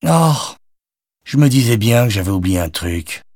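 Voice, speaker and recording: A man's voice: medium pitch, sing-song, measured pace, a little mellow, dry recording, studio quality, voice pushed up. A man reading an audiobook, voicing a laid-back, forgetful uncle in a lifted, casual tone.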